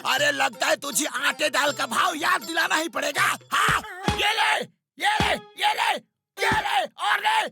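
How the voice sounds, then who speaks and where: A voice actor playing a hot-tempered male cartoon boxer who shouts threats. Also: high voice, moderate pace, creaky, hardly any pauses, exaggerated voice. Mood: furious.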